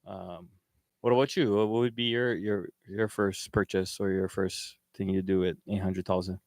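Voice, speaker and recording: Deep-voiced laid-back island man. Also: level tone, normal speed, a little mellow, no echo, low-quality recording. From Wai'anae, Hawaii. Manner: laid-back, laughs easily, stumbles and repeats words. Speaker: podcast host. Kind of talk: casual chat. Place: small studio room.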